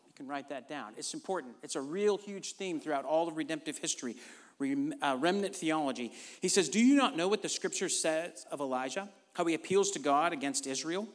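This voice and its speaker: A man preaching a sermon in an emphatic, conversational way, often checking in with the congregation. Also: a little high. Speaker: pastor. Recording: long reverb of a large hall.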